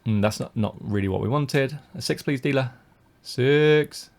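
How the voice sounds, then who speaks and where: A British poker coach casually commentates on his own live-streamed tournament, reasoning through each decision aloud. He speaks at a measured pace in a mid-range voice, with many fillers and restarts as he thinks.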